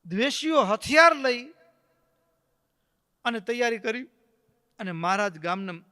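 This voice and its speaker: Preacher, high voice, dramatic storytelling sermon, hall echo. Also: male voice, expressive, unhurried, sharp tone, smooth. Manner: dramatic, acts out the characters' voices.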